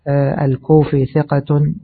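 Man, religious lesson, measured explanatory delivery, gravelly voice, phone-line audio. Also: on the high side, completely flat delivery. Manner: measured, explanatory, pauses with fillers. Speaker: hadith teacher.

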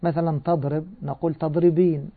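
A man's voice: a little high, level tone, fairly quick. A man teaching Quran commentary and grammar, explaining step by step and asking and answering his own questions. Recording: tinny phone-like sound.

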